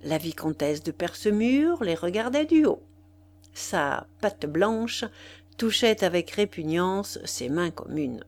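A woman narrating a classic novel in a measured, expressive reading. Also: fairly low pitch. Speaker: audiobook narrator. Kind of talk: scripted literary narration.

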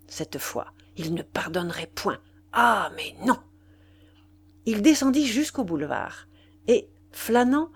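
A woman reading a classic novel aloud in a fairly high voice, shaping the scene with expressive, dramatic storytelling. Her narration moves between measured calm and tense urgency. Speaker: audiobook reader. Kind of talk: literary audiobook narration.

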